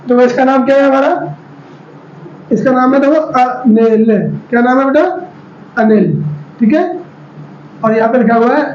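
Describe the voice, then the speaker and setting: A man's voice: very high voice, a little hiss or hum. A man teaching children to spell names, who keeps quizzing them and drags out syllables as he sounds words out. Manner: keeps quizzing the children and checking they follow. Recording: roomy, dull lo-fi sound.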